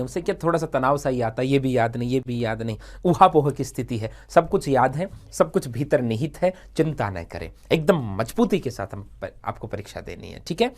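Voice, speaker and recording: A man coaching exam candidates in a live talk, animated and repetitive, often checking in with "okay". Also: mid-range voice. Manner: animated, repetitive, frequent "thik hai" checks. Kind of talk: motivational exam advice talk. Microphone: livestream setup.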